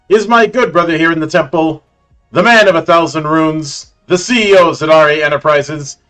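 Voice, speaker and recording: A man hosting a stream, making a loud, theatrical intro through a webcam mic that sounds muffled and hollow, as if he were talking through a tube. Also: high-pitched. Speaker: stream host. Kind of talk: showman announcer intro. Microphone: webcam microphone.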